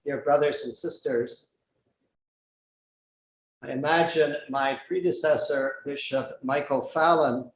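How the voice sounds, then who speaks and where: A man serving as a bishop, praying and reading scripture at Mass in a slow, measured, solemn way, his voice ringing with cathedral echo. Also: medium pitch, steady tone, a little hiss or hum. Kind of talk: liturgical prayer and scripture reading. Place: large church. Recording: roomy church reverb with faint ambience.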